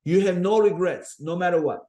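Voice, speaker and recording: A man's voice: high voice, a little fast, dark tone. Man from turkey, podcast host, earnest storyteller, lots of fillers and restarts. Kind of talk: conversational interview.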